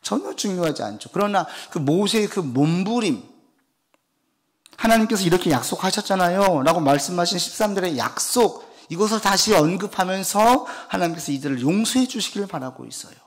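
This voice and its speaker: A man preaching a weekday sermon as a pastor, moving between animated, acted-out lines and a soft, quiet plea to pray. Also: high voice, fairly quick, hardly any pauses. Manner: animated preaching, acts out God's and parents' lines; drops to soft, quiet delivery when urging prayer. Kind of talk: Wednesday sermon, Bible exposition.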